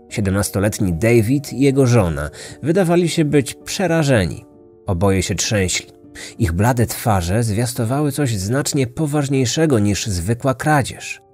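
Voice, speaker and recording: Guy narrating a true crime podcast, lowish voice, measured and dramatic, faint music under it. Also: a little mellow.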